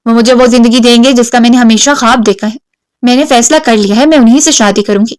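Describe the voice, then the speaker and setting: A woman's voice: on the high side, steady tone, no echo, natural voice. Woman reading a defiant, stubborn young woman. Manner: sharp, defiant retorts. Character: proud, stubborn young woman chasing wealth.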